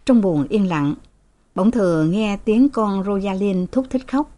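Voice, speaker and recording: A woman narrating a novel in an even, measured storytelling manner. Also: mid-range voice. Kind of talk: reading a novel aloud.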